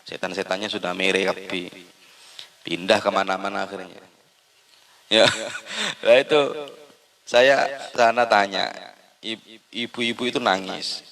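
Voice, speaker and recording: A man's voice: lowish voice, a little slow, pauses often, low-quality recording. A man preaching a humorous sermon, telling stories and mixing in phrases. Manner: lively storytelling, acts out wife and husband in dialogue; mixes Indonesian with Javanese phrases.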